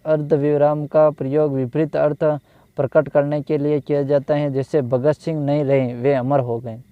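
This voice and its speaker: Guy teaching grammar, says stuff twice, smooth flat voice, kinda muffled dry recording. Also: a little high, no room sound. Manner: repeats phrases, restarts, thinks aloud with pauses. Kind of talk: lesson explaining grammar.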